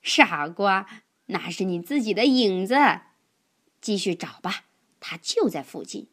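Elmer, a woman voicing a calm teasing elephant. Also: medium pitch, a little slow. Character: kind checkered female elephant, playful leader.

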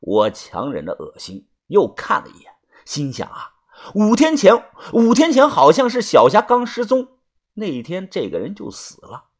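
Husky male audiobook narrator, very animated delivery. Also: high voice. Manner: dramatic, with many drawn-out filler particles. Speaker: storyteller. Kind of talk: first-person audiobook narration.

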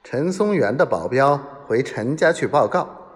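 A man's voice: medium pitch, big pitch swings, a little slow. A man narrating a serialized story dramatically, acting out the quoted voices. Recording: long hall reverb.

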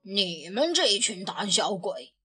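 A woman voicing a grumpy, easily frightened father bear in a children's story, gruff and loud. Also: medium pitch, measured pace, faint music behind, pitched below the performer's own voice. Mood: blustering. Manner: gruff, loud, trembling when scared. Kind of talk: storybook reading.

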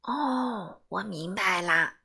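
A woman voicing a kind, wise old grandmother in a storybook reading, with a lower, gentle and patient voice. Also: animated, slow pace, vocal fry, breathy edge, exaggerated voice.

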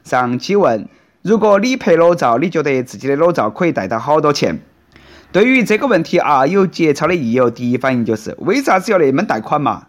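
Lively, high-pitched Sichuan-dialect man. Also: fairly quick. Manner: sarcastic, punchy, folksy delivery. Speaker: host of a news commentary show. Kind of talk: scripted news commentary in colloquial storytelling.

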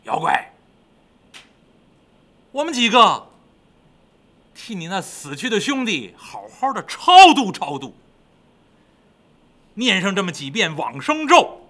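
A man voicing a greedy, chatty male pig monk who rambles and coaxes loudly in a storytelling performance. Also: high voice, huge pitch swings, slow pace, long pauses, exaggerated voice. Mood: coaxing. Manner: rambling, coaxing, loud.

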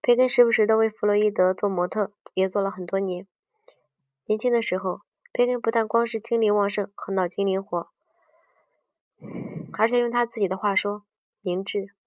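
A woman's voice: medium pitch, steady tone, fairly quick, a little mellow, no room sound. A woman reading a book aloud, often stumbling, restarting and correcting herself mid-sentence. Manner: hesitant reading with frequent restarts and self-corrections. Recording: dull distant dry sound.

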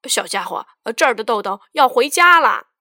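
Woman voicing an old grandpa, gentle, slow, hesitant, dry close storybook sound. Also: a little high, very animated, no echo. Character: friendly old grandpa out walking.

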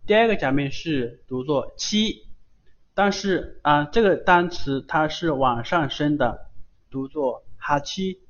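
A man's voice: a little high, fairly bright tone. A man teaching a beginner Japanese lesson, patiently repeating each word for students to copy. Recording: dull lo-fi recording.

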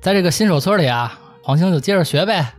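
Male storyteller-host, Beijing accent, voice a bit high, colloquial delivery with acted-out dialogue. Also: lively intonation, quick pace, soft background music. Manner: acts out characters' dialogue as he narrates. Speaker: host telling a history story. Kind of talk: casual, colloquial storytelling with banter.

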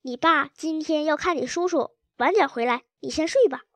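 A woman voicing a caring mother who soothes and gently teases her daughter, in a story reading. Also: high-pitched, normal speed, no room sound. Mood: soothing. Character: caring mother of a young girl.

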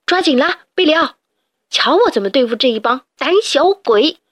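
A woman's voice: high voice, lively intonation, moderate pace, fairly bright tone, no room sound. A woman voicing a brave little chick hero. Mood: bold. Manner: bold, commanding.

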